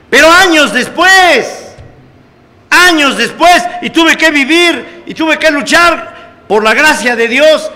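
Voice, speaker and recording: A man with a Mexican accent giving a personal testimony to a meeting, earthy and full of swearing, swinging between loud emphasis and low confiding tones. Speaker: speaker sharing his testimony at a recovery meeting. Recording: echoey hall, faint background noise.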